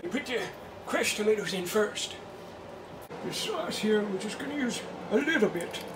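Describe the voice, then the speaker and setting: A man's voice: sits high, expressive, moderate pace, distant mic, noisy background. A middle-aged man playing a silly, distracted old grandpa who cooks in his home kitchen and keeps stumbling over his words. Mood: rambling. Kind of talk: comedic cooking vlog. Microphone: handheld phone camera.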